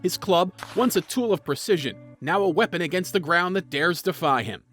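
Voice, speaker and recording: A man's voice: sits high, animated, moderate pace, a bit bright. A man delivering scripted video narration in a dramatic storytelling manner. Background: music.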